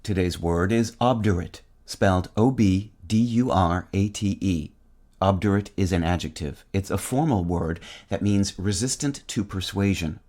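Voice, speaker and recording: A man hosting a short vocabulary segment, reading a script in a measured, wry and precise way and spelling words out letter by letter. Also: deep voice, a little mellow. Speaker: word-of-the-day host.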